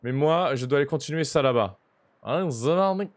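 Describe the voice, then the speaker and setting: A man's voice: fairly high pitch, lively intonation, moderate pace. Playful French-accented man streaming. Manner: switches between French and heavily accented English, playful. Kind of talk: casual gaming stream chat.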